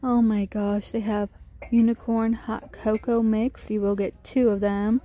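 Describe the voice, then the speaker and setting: A woman's voice: on the high side, level tone, a little slow, dark tone. A woman filming a shop-with-me walkthrough in a big store, chatting and gushing over cute finds, recorded on a handheld phone. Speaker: shopping vlogger. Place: large retail store, indoors. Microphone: handheld phone camera.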